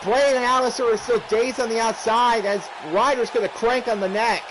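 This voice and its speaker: A man doing excited play-by-play as a wrestling commentator, exclaiming and often shouting out the moves. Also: very high-pitched, normal speed. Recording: clearly noisy background.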